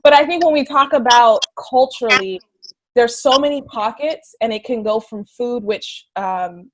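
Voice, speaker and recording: A woman on a casual discussion panel, speaking in a measured way with hedges and fillers as she reasons aloud. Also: on the high side, background noise. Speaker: panel guest.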